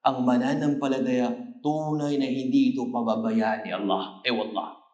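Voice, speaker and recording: A man with a Filipino accent giving a sermon in a mosque, earnest, often repeating a pious phrase and reciting scripture in slow chanted Arabic. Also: mid-range voice, steady tone, darkish tone, echoey room. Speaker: Islamic preacher. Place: mosque after evening prayer.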